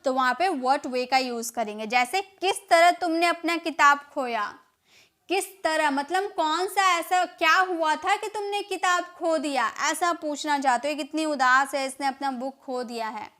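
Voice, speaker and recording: Woman, Indian accent, high voice, English teacher, slow repetition, quizzes listener. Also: bright, forceful tone. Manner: slow, repeats each phrase, quizzes the listener. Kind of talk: spoken English lesson.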